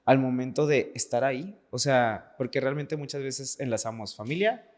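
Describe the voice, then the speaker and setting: There's a slightly mellow quality to this man's mid-range voice as he talks at a moderate pace. A dancer from Veracruz in his late twenties to thirties, he opens up earnestly on a podcast, repeating words for emphasis amid hall-like echo.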